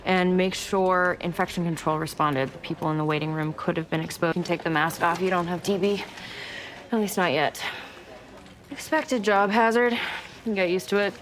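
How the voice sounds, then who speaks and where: Casting: woman playing brash young resident doctor, slightly low voice, sardonic and blunt, TV drama, faint set noise. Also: fairly even intonation, normal speed, lightly acted. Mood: sardonic, brisk. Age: young adult. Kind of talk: naturalistic TV medical drama acting.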